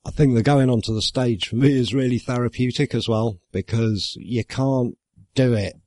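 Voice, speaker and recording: A man, musing aloud in a relaxed, rambling way about acting, often stopping to correct himself and adding wry asides. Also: mid-range voice, moderate pace, no room sound, clean studio sound. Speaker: amateur actor. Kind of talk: casual reflective monologue.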